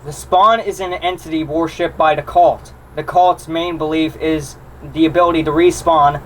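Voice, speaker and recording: A young man with a fairly high-pitched voice banters casually in a group chat. He is brash and slangy and swears freely, over a faint layer of background noise. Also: poor audio.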